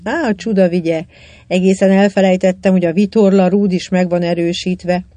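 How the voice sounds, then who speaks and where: Reader doing a calm boy captain. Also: medium pitch, no room sound, natural voice. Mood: urgent. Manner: steadying, instructing.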